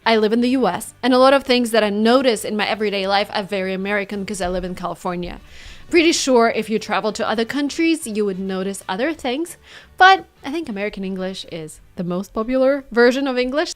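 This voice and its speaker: Teaching an online English lesson, a woman with a Russian accent performs example phrases with lively intonation. She has a mid-range voice and talks fairly quickly.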